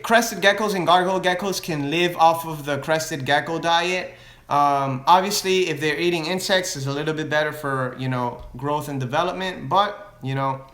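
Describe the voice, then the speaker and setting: A man's voice: fairly high pitch, fairly bright tone. A man answering viewer questions about his reptile business on a casual livestream, rambling with many restarts and switching between Spanish and English. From Florida. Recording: echoey room.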